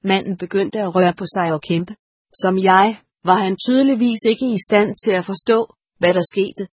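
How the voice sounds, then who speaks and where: Husky woman narrating an audiobook. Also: mid-range voice, steady tone, no echo, studio quality. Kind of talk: scripted narration.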